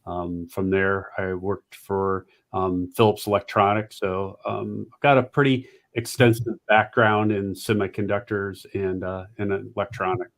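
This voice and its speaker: A man from upstate New York answering interview questions, halting, with frequent ums and uhs. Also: fairly low pitch, level tone. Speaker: guest, company founder.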